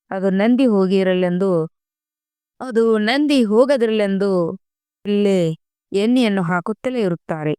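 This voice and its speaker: A woman reads a devotional spiritual discourse in a slow, measured way, pausing for emphasis. Her voice is smooth and resonant, in a medium pitch. The recording is dry and close, with no room sound. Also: darkish tone, dry recording. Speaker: murli reader.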